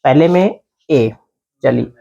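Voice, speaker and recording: A man's voice: on the high side, animated, slow pace, vocal fry, dark tone, highs cut off. Guy teaching grammar class, asks his own questions then answers em, keeps checking "thik hai na". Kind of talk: grammar lesson.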